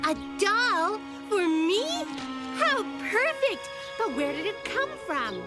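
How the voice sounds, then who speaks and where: Little Lulu, high sassy cartoon girl. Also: sing-song, slow, over loud music, full character voice. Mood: delighted. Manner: wry, exclamatory. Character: plucky, sassy, quick-witted little girl. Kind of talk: children's cartoon voice acting.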